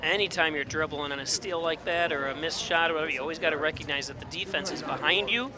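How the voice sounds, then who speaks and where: A middle-aged man doing chatty, joking commentary on a high school basketball game, rising to excited calls on big plays. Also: quick pace. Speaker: play-by-play commentator. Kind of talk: local sports commentary. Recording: loud gym crowd noise. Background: loud crowd and bouncing basketballs.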